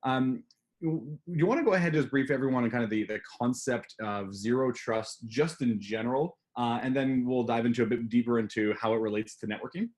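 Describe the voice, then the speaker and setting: A man hosts a business webinar, introducing a guest and running through housekeeping in a loose, friendly way full of fillers. His mid-range voice moves briskly, and the audio is remote webinar sound.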